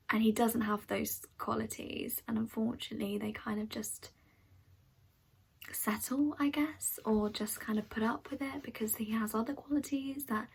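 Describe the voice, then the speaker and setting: A young woman talks straight to camera in a casual Q&A, giving frank opinions with plenty of fillers. Her voice sits a little high but has a husky, breathy edge and a gravelly fry at the ends of her phrases. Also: poor audio. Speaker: beauty vlogger.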